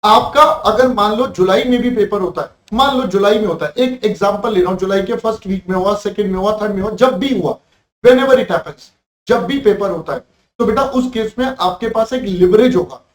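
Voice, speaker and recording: Emphatic high-voiced Indian teacher, echoey room. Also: male voice, normal speed. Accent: Indian English. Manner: emphatic, repetitive, addresses students as "beta". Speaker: CA exam teacher. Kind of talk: motivational exam advice to students.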